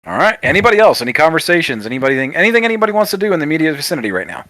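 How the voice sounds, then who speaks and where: A man runs a tabletop game with bright, forceful energy. His narration is quick and playful and often breaks into laughter. The sound is dry and close. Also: a little high, very animated, no room sound. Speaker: game master.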